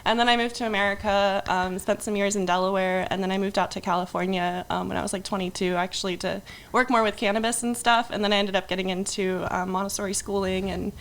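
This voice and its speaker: A young woman from Indonesia chats as a podcast guest, wandering through her sentences with plenty of "um" and "like". Her voice sits at an ordinary middle pitch. She laughs often as she talks. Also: fairly even intonation, fast, hardly any pauses. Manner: rambling, many "um" and "like", laughs often. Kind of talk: casual interview chat.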